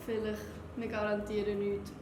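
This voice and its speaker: A woman's voice: mid-range voice, monotone, moderate pace, noisy background. A young woman with a Swiss German accent, chatting casually to camera with a friend, playful and self-deprecating. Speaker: amateur YouTube host. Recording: echoey room with music behind.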